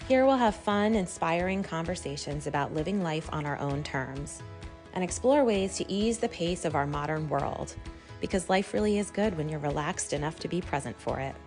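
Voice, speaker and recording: Upbeat low-voiced podcast host woman. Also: lively intonation, normal speed, darkish tone, soft background music. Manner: upbeat, enthusiastic. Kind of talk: scripted intro and casual interview.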